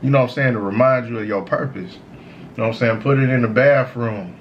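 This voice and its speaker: A man who sounds high, giving a casual, slangy, meandering stoner monologue of motivational advice as a show host. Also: a little fast, muffled recording, a little hiss or hum. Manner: repeats "you know" tags, informal slangy phrasing. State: high on cannabis. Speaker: host of a smoke session series.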